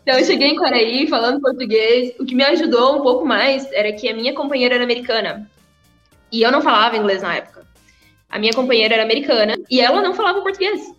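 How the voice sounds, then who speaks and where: With a somewhat high, slightly bright voice and a quick pace, a young former missionary chats casually in an interview, laughing often between phrases. Faint music plays in an echoey room, and the audio sounds dull.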